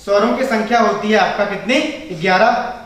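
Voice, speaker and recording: A man's voice: very high-pitched, steady tone, moderate pace. A man teaching an exam coaching class, who keeps asking questions and answering them himself and calls his students "bhai". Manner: asks and answers his own questions, repeats key points. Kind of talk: classroom grammar lecture. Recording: very echoey room, voice far from mic.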